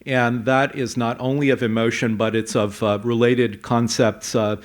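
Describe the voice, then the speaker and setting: A man presenting a conference talk, explaining with a measured pace and frequent fillers. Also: mid-range voice, little pitch movement. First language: English. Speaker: conference speaker. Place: conference hall.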